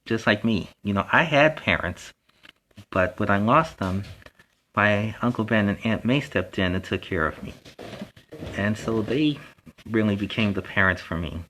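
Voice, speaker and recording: A man's voice: fairly low pitch, expressive, unhurried, bright, forceful tone, slight background noise. A man playing a friendly young superhero who reads a children's storybook and chats earnestly with encouraging asides. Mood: reflective, chatty. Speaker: storytime host and reader.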